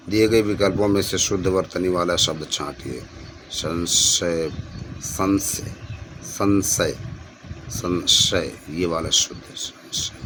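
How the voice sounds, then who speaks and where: A man with a very low voice teaches an exam-prep spelling lesson. He reads each answer choice aloud and repeats words to stress the right one. Faint background noise and passing vehicles can be heard.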